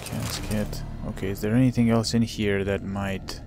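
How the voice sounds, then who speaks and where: A man's voice: fairly low pitch, level tone, normal speed, vocal fry, noisy background. A man playing a video game and commenting casually, with muttered asides and fillers. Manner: muttering asides with fillers, sometimes reading dialogue along. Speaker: let's play gamer. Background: game music.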